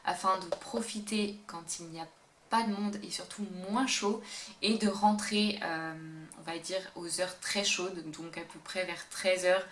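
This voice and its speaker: A woman's voice: fairly low pitch, steady tone, measured pace. A woman vlogger chatting to the camera in a casual, upbeat way about travel tips, often hesitating mid-sentence. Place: indoor room, talking to camera. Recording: roomy echo with faint background hum.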